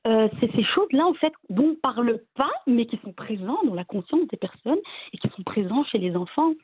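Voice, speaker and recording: A woman's voice: fairly high pitch, expressive, brisk, noisy background. Belgian-born woman on a tinny line. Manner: warm, hesitant, many fillers and restarts. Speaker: guest. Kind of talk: casual interview conversation.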